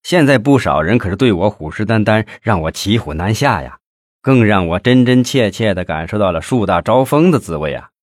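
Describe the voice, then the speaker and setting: A man voicing a glib, boastful middle-aged businessman who talks in a hearty, flattering way. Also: lowish voice, a little fast, dry recording, clean studio sound. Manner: hearty, smooth-talking, flattering.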